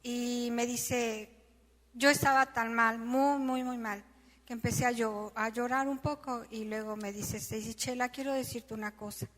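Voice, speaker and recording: Middle-aged woman, church testimony, higher voice, long hall reverb, emotional and animated. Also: a little slow. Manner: emotional, animated storytelling with quoted dialogue. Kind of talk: personal testimony.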